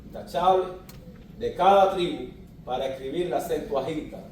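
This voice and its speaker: A man's voice: fairly high pitch, normal speed, a little mellow, slight background noise. A man preaching a teaching sermon as pastor, explaining patiently and asking his congregation questions. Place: church hall. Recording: echoey hall, mic at a distance.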